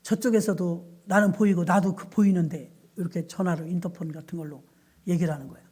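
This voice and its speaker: A woman's voice: on the low side, a little fast, slightly rough. Woman pastor telling a story in a sermon. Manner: lively anecdotal storytelling, acting out dialogue.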